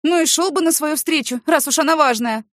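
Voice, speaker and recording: A woman voicing a proud, quick-tempered young woman who snaps back in shrill, indignant outbursts. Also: a bit bright, dry recording, studio quality.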